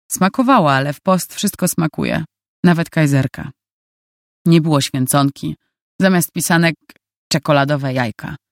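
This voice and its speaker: A narrator reading a novel aloud in calm, even scripted narration. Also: mid-range voice, no echo, studio quality.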